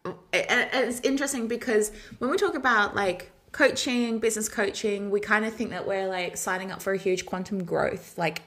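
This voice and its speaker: A woman's voice: medium pitch, moderate pace, few pauses, a bit bright. A woman co-hosting a podcast, chatting casually with effusive, emphatic, slangy phrasing. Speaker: podcast co-host.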